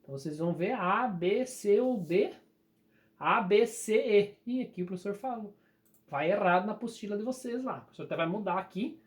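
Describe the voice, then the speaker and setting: Lively Brazilian teacher stretching out words. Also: mid-range voice. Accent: Brazilian Portuguese. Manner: explaining patiently, drawing out key words slowly, constant tag questions. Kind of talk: recorded remote grammar lesson.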